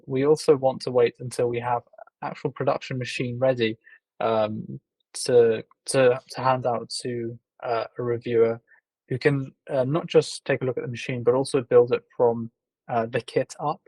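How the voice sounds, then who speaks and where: A man from the UK, a company founder, explaining things in a measured way with many ums and uhs during an interview. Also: mid-range voice, flat delivery, darkish tone, no echo, rough recording. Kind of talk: casual video interview.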